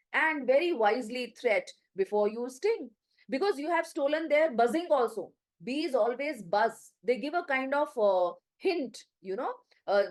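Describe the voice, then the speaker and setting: A woman's voice: sits high, low-quality recording. A woman teacher with an Indian English accent, explaining a play line by line, reading quotes and paraphrasing them with many fillers. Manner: reads quotes then paraphrases in plain words, many "uh" and "you know".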